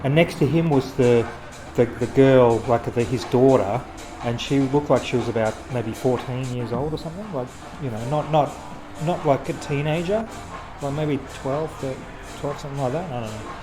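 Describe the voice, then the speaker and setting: A man's voice: mid-range voice, over music, low-quality recording. Rambling man telling a street story. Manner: rambling, halting, many restarts and fillers. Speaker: street photographer. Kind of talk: casual storytelling to camera. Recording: street noise and traffic behind.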